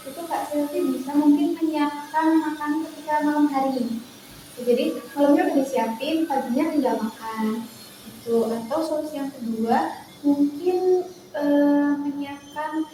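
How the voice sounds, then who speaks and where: A woman's voice: high voice, warm tone. A young woman, a nutrition student, politely asking questions and summarizing in a counseling interview. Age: young adult. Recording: very echoey room with faint noise.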